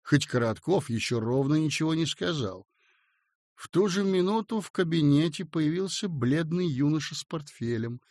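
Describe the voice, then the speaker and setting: A man narrating a classic story aloud with a theatrical, expressive reading. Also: fairly high pitch, moderate pace, no room sound, clean studio sound.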